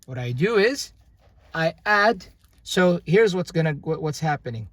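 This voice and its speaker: With a somewhat high, lively, slightly bright voice, a young language teacher walks through a casual grammar lesson. He speaks slowly and haltingly, full of fillers and false starts, in a dry recording.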